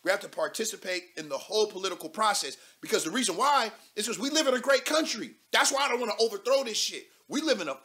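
A man in his thirties hosting a live political call-in show from a studio desk, talking loud and animated with casual slang and cursing. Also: sits high, quick pace, few pauses. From United States. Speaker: talk show host.

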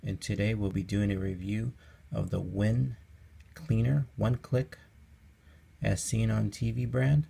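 A man presents a casual budget product review in a fairly low voice. There is heavy gravelly fry in it, and the tone is very husky rather than clean. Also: darkish tone.

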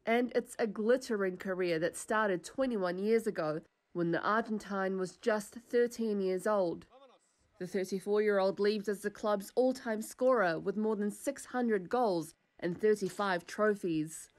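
A woman's voice: medium pitch, a little slow. Woman narrating a news report.

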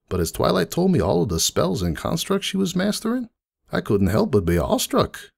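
A man with a lowish, creaky, slightly mellow voice acts heavily as he reads dramatic fan fiction. He voices a friendly, nostalgic unicorn donut shop owner, talking in a chatty, folksy way like someone reminiscing.

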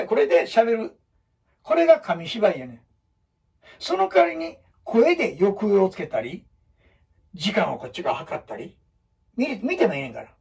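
A man with a Kansai accent, lecturing students on storytelling in an emphatic way, jumping between loud bursts and low asides. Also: breathy edge, far from the mic. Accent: Kansai (Osaka). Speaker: storytelling teacher.

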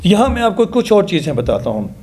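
Man in his 40s, Pakistani Urdu accent, earnest news commentary, slightly high voice, warm mellow tone, studio lapel mic. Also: sing-song, brisk. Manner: earnest, appealing, gestures with his hands. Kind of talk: commentary to camera.

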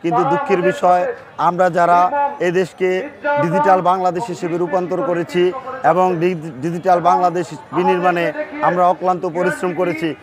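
A man speaking for a group of protesters, delivering a formal statement in short, measured phrases. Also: high voice, monotone. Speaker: protest spokesman. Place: outdoors at a street protest. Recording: outdoor recording with crowd noise. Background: crowd noise.

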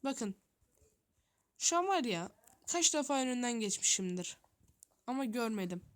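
A woman's voice: fairly high pitch, very animated, normal speed. A woman giving running gameplay commentary, thinking aloud, talking straight to her viewers and muttering to herself in a flustered way. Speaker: gaming youtuber.

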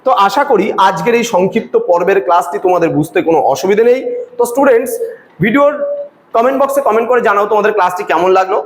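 Quick high-voiced man teaching in an echoey room. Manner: explaining step by step, repeating examples with rhythmic recitation. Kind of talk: online lecture. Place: coaching class recording.

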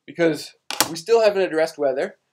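A man's voice: a little high, expressive, brisk, background noise. A young man teaching a live online space class for kids at a whiteboard, chatty and playful, explaining big ideas with everyday examples. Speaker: science teacher.

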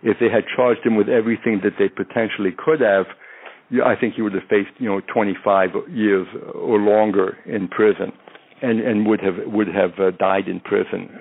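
Recounting his old cases over tinny phone-line audio, this retired undercover agent in his fifties rambles through an interview, full of fillers and restarts. He's a native French speaker, born in France and raised in the U.S. His lowish voice stays steady at a moderate pace, with slight background noise.

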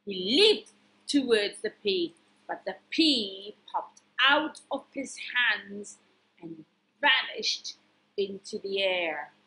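A woman's voice: mid-range voice, animated, takes it slowly, pushed and bright, low-quality recording. A woman reading a picture book aloud to children, pointing out the pictures and asking them questions.

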